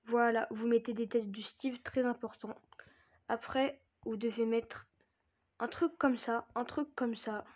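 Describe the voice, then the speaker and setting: A woman's voice: fairly high pitch, fairly even intonation, measured pace, darkish tone. A woman giving a casual gameplay tutorial, hesitant with many fillers and frequent swearing. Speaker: gaming YouTuber. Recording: dull lo-fi recording.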